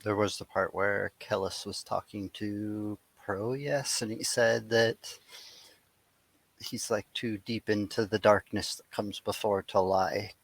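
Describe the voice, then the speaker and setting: A man with a lowish, gravelly voice speaks very slowly and reasons step by step. His voice sounds dry and close. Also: dry recording, low-quality recording. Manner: slow, measured reasoning. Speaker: podcast co-host. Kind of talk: casual book discussion.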